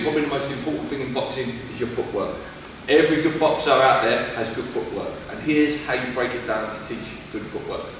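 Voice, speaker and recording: A man's voice: medium pitch, fairly bright tone, a little hiss or hum. A young man coaching boxing, explaining and demonstrating moves while counting through the drills. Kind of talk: instructional coaching demo. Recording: roomy hall echo from far off.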